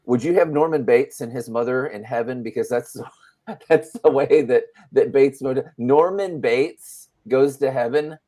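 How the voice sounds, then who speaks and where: A man's voice: medium pitch, measured pace, warm tone. A male podcast co-host in casual chat, chatty as he retells show plots.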